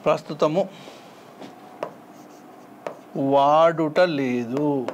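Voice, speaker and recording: Man, fairly high voice, teacher, exam-prep lesson, repeats words for dictation. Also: highs cut off, a little hiss or hum. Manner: repeats each word slowly for dictation; sings song lines slowly.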